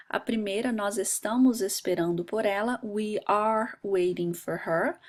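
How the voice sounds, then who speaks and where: Patient woman teaching English grammar. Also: a little high. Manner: patient, methodical, spells out letters. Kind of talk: explaining grammar rules in a video lesson.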